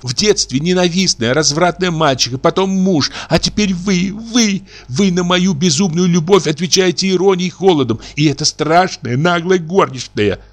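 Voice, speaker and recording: A man's voice: a little high, moderate pace, fairly bright tone, pitched above the performer's own voice. Tearful young woman in love, pleads in a raised, shaking voice; a male reader puts her on. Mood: sobbing. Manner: pleading, sobbing outbursts. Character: anguished young woman, emotional, tearful lover. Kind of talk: audiobook reading.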